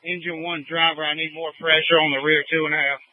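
A man's voice: a little high, little pitch movement, fast talker. A male engine crew firefighter giving terse radio updates and requests over a two-way radio. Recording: noisy tinny fire radio.

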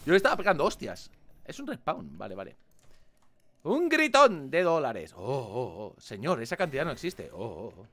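Animated Spanish man playing games. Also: mid-range voice, fairly quick, slightly rough. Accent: Spain Spanish. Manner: animated, swears a lot, mock-dramatic outbursts. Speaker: gaming video host. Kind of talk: casual gameplay commentary.

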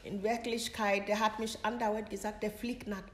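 A middle-aged woman from Ghana giving a personal account in an interview, halting and searching for words in non-native German. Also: mid-range voice, little pitch movement, a little hiss or hum. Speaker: interviewee, mother of the host. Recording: roomy sound with background music.

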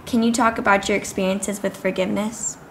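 A woman's voice: mid-range voice, level tone, a little fast, slight background noise. A young woman, a student, carefully reading out a prepared interview question. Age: young adult. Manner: careful, read-aloud delivery.

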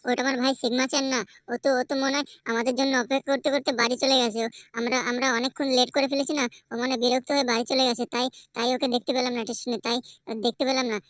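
A woman's voice: sits high, little pitch movement, very fast, a bit bright, dry recording. A woman voicing a scared, whiny little boy who keeps pleading with his uncle and repeats his words. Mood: worried. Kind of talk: game play voice acting.

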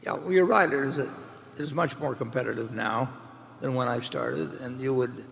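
A man's voice: mid-range voice, moderate pace, creaky, fairly bright tone. An older man answering questions on a stage, talking off the cuff with many restarts and fillers. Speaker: chairman answering shareholder questions. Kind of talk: unscripted Q&A answers. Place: large hall stage, seated at table. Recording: large reverberant hall, faint ambience.

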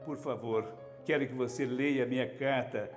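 A man's voice: mid-range voice, fairly even intonation, moderate pace. Man reading a sad letter, echoey. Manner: reads in the letter writer's first person, plaintive. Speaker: radio host reading listener letters. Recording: echoey hall with music underneath.

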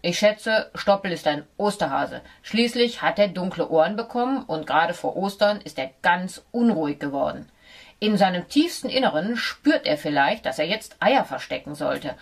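Woman doing a gruff know-it-all dog. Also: lowish voice, expressive, moderate pace. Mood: lecturing. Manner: gruff, lecturing, a little superior. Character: know-it-all male dog, a bit condescending. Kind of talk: audiobook character voice.

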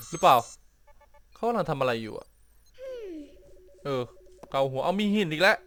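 A man's voice: on the high side, expressive, measured pace, fairly bright tone, soft background music. A man giving casual commentary while playing a puzzle game, often puzzled and exclaiming at what happens on screen. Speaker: gameplay streamer.

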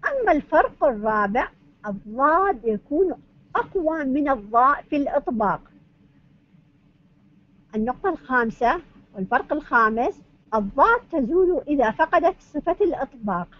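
A woman university lecturer, with a somewhat high voice, works through her points in order and poses questions that she answers herself. The recording is dull and lo-fi. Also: dry recording. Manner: methodical, asks and answers her own questions. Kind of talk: academic lecture on Arabic phonetics.

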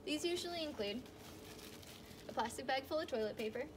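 A young woman with a fairly high voice talks through an outdoor how-to lesson in an upbeat, playfully deadpan way. She's outside in a backyard, picked up by a camera mic. A faint outdoor hush sits behind her. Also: brisk, background noise. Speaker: outdoor skills instructor. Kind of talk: scripted instructional video.

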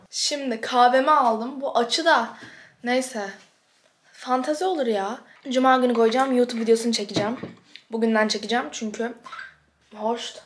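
A young woman with a slightly high voice vlogs in casual chat to the camera, at home and out and about, rambling about her day in a blunt, self-mocking way and swearing freely. There's a little hiss or hum in the audio.

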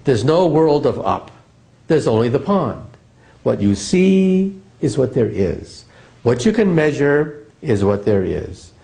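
A man's voice: medium pitch, very animated, gravelly, warm tone, full character voice. A man voicing a stubborn, skeptical male scientist fish who insists dismissively that nothing exists beyond what he can see. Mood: scoffing. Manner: dismissive, insistent, slow emphatic.

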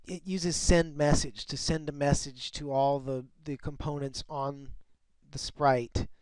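A man walking through a screen-recorded software tutorial, often restarting and repeating words as he explains. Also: a little high, clear, resonant tone, no room sound. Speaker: software developer demonstrating his tool.

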